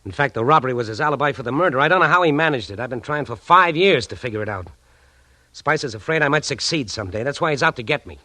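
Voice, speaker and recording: An actor playing a worried male detective in a 1940s radio drama, talking in a quick, tense, confiding way. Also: medium pitch, expressive, sharp tone, dry recording. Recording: old radio broadcast.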